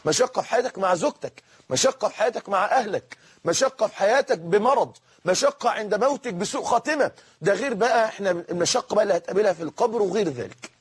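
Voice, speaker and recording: A man's voice: high-pitched, husky. A man with an Egyptian accent preaching a sermon, often repeating key phrases for emphasis.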